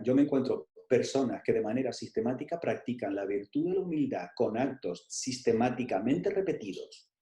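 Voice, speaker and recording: Emphatic coach, warm voice. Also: male voice, mid-range voice, echoey room. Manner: emphatic, repeats key phrases, asks rhetorical questions. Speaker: coach leading a workshop. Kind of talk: online workshop talk.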